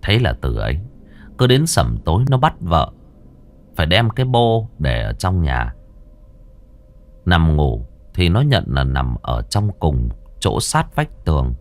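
A man narrating a village ghost story in a lively, dramatic way, acting out the characters as he goes. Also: extremely low pitch, a little slow.

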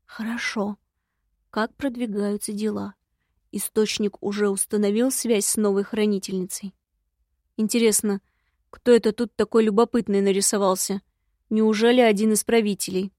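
A woman voicing a scheming, very old man in an audiobook, with a creaky, raspy voice and a slow, menacing drawl. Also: medium pitch, flat delivery, a little mellow, no room sound, clean studio sound, lightly acted. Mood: grumbling. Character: ancient scheming male villain, creaky. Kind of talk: audiobook character reading.

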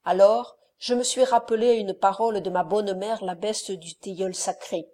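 A woman reading the part of a young wronged countess in an audiobook, with a firm, measured voice. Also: medium pitch, fairly even intonation, mellow, close to an everyday voice. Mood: reproachful.

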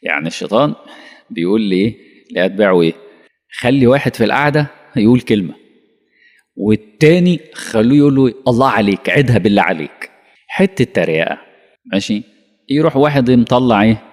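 A man's voice: medium pitch, lively intonation, fast, long pauses, a little mellow. A man with an Egyptian Arabic accent giving a colloquial religious lesson, full of rhetorical questions and acted-out dialogue. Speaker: preacher. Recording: long hall reverb.

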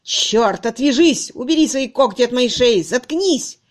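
A woman's voice: medium pitch, lively intonation, normal speed, close to an everyday voice. A woman reading a cruel, sneering young male farmhand in an audiobook, harsh and mocking.

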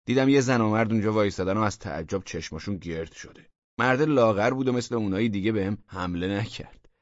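A man's voice: on the low side, no room sound, lo-fi sound. A man narrating a story in a wry, matter-of-fact manner, as an audiobook reading.

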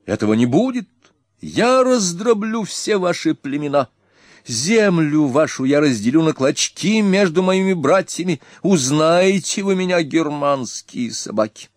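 Мужчина играет визгливого дерзкого юного гуннского князя, высокий резкий крик, сухая запись. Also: male voice, huge pitch swings, takes it slowly, hardly any pauses, breathy edge, dry recording, clean studio sound, exaggerated voice. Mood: arrogant shouting. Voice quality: shrill, high, grating. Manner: shouting, arrogant, threatening. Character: insolent young Hun prince, shrill and cruel.

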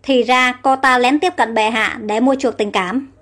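A loyal older servant woman answering politely and eagerly, read by a woman storyteller. Her voice is high, with faint music underneath. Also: steady tone, normal speed, a bit bright.

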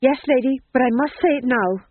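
A man's voice: very high voice, fairly quick, no room sound, pitched above the performer's own voice. A man voicing a meek, loyal court fool who speaks plainly and simply, in a resigned manner. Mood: quiet. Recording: tinny, dry, phone-like.

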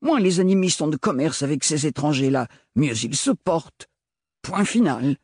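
A man's voice: on the high side, expressive, normal speed, a little mellow, breathy edge, no room sound, clean studio sound. A man reading aloud, voicing a grumpy old great-uncle who scolds in indignant outbursts in a storybook. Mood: stubborn.

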